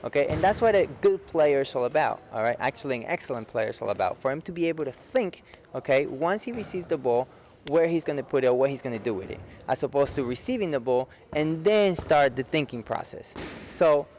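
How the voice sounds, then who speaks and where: A man's voice: mid-range voice, expressive, a little fast, darkish tone, a little hiss or hum. A man in his forties from Peru, a youth futsal coach in a local cable TV interview, who explains simply and keeps checking in with "okay?". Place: indoor futsal facility.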